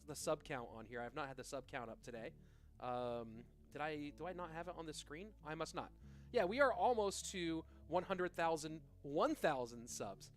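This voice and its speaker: Man, fairly high voice, esports caster, live stream commentary, chatty then play-by-play, faint music behind. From California. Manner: chatty, reads viewer questions, then builds into play-by-play.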